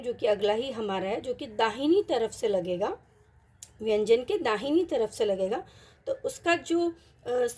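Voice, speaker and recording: A woman teaching an online Hindi lesson, patiently mixing in English words and repeating each example word slowly. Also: fairly high pitch, a little mellow, breathy edge.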